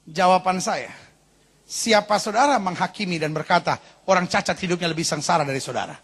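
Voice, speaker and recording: A man preaching as a pastor, lively and animated, tossing in English phrases and calling the congregation to applaud and say amen. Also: sits high, brisk, slightly rough. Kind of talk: sermon. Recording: long reverb of a large hall.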